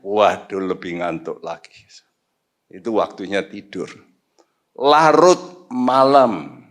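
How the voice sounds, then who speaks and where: A male pastor preaching a sermon, swinging from quiet low asides to sudden loud high outbursts, slipping in English phrases. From Indonesia. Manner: slow, deliberate, mixes in English phrases. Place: church sanctuary.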